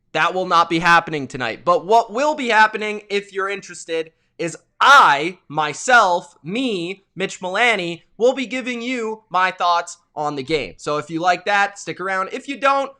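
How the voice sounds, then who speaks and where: A young man hosting a live play-by-play reaction stream, chatty and excitable, greeting viewers by name as he calls the plays. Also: high voice.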